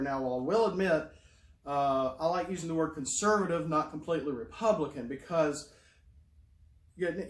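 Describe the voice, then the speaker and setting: A man's voice: a little high, roomy sound. A middle-aged man rambling in a casual monologue, full of fillers and restarts. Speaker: YouTuber.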